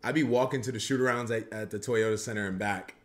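A man in his twenties with a fairly low voice talks fast and fairly evenly as he reacts to a video on a live stream. He's laid-back and chuckles while chatting with his viewers over a headset in a home studio room lined with shelves.

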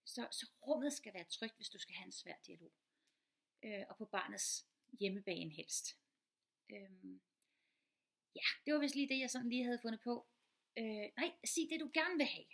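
A middle-aged woman, a teacher and mother, giving casual advice, talking quickly with many fillers and restarts. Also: fairly high pitch, lively intonation, vocal fry, fairly bright tone. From Denmark.

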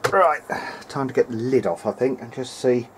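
A hobbyist repairer narrates a video diary at an indoor workbench, offering casual hands-on commentary while hesitantly thinking aloud. His voice sits at medium pitch and moves at a moderate pace over a noisy background.

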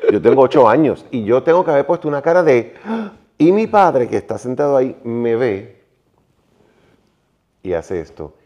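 A man hosting an interview, chatting in a playful, animated storytelling way. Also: medium pitch, normal speed, pauses often, dull audio. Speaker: interview host. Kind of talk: lively conversational interview.

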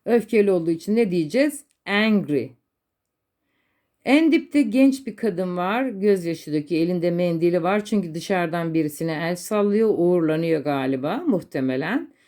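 A woman English teacher with a Turkish accent, explaining simple adjectives in Turkish and stressing slow, repeated English examples for learners. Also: on the low side, lively intonation, dark tone.

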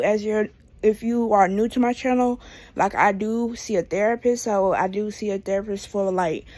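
Her voice mid-range and darkish, a 22-year-old American vlogger paces a small home room and talks in an easygoing, meandering way. She records on a phone held out at arm's length.

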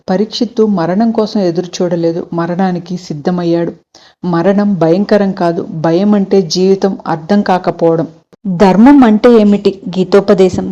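A woman calmly narrating devotional stories in a measured, preaching tone. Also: mid-range voice. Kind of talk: scripted devotional storytelling. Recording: dull lo-fi sound.

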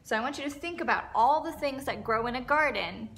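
A woman's voice: high voice, expressive, a little fast, fairly bright tone, slight background noise. A middle-aged woman teaching preschool circle time in an encouraging, instructional kindergarten teacher voice, as if speaking to young children. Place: indoor classroom.

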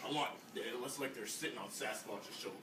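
A man's voice: mid-range voice, fairly quick, bright, forceful tone, recorded from a distance, slight background noise, natural voice. Man acting a cocky eighties fitness instructor, echoey room. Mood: boastful, rambling. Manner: swaggering, profane, rambling. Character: brash, crude, cocky 1980s male fitness instructor. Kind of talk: improvised mock-interview comedy sketch. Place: small indoor room. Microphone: phone camera a few feet away. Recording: echoey room, off-mic phone video.

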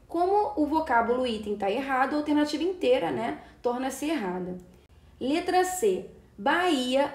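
Brazilian woman teacher, high voice, patient step-by-step explainer, echoey room. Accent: Brazilian Portuguese. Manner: explanatory, checks in with "né" and "tá". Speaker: Portuguese teacher. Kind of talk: exam-prep lesson. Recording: roomy echo.

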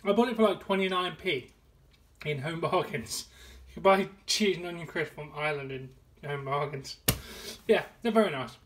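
A woman's voice: sits low, moderate pace. A woman giving a casual product review in a playful, offhand manner. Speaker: food review host. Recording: clear background noise, crinkling packet.

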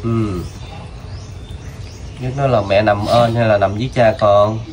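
A man interviewing a child, asking gentle, coaxing questions with many fillers. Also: lowish voice, fairly even intonation, slow pace. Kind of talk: casual street interview. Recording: outdoor video with noticeable background noise.

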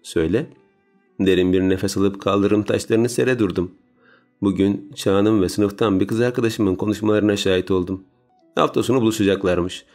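Guy reading a story aloud, lowish voice, calm, faint music. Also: normal speed. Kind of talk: audiobook narration. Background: soft music.

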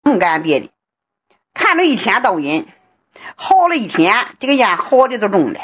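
A woman, a flood-hit villager ranting angrily with sighs, shouts and bitter laughter. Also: medium pitch, big pitch swings, normal speed, slightly rough. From Hebei, China. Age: late 50s. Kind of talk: angry self-recorded rant.

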